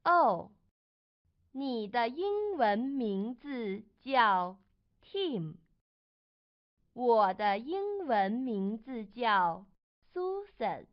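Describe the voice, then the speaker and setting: A woman reading a part in a slow textbook dialogue, articulating each word carefully. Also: on the high side, big pitch swings, exaggerated voice. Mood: plain. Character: adult woman named Susan. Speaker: dialogue reader. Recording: dull lo-fi recording.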